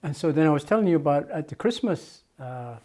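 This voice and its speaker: A man's voice: fairly high pitch, animated, a little fast, darkish tone. An older man from Jamaica, a muralist, recalling his past at length in an oral history interview, with many restarts and fillers.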